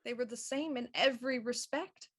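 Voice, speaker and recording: In a murder mystery audio drama, a woman plays a shrewd, self-assured Victorian police inspector, confidently laying out her deductions in a deliberate, theatrical way. Her voice is fairly high and fairly bright.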